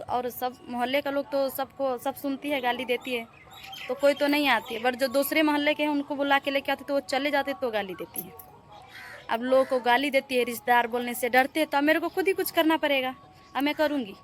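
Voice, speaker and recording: Her tone fairly bright and pitch fairly high, a young woman from Bihar, India, vlogs on a handheld phone as she moves through her family house and up to the rooftop. Speaking with a Bihari Hindi accent, she voices grievances, pleading with viewers in a plaintive, indignant manner.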